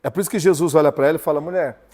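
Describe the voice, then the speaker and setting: Emphatic Brazilian preacher in a reverberant church. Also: male voice, fairly high pitch, very fast, a little mellow. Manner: emphatic, peppered with rhetorical questions to the congregation. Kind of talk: sermon. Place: church hall.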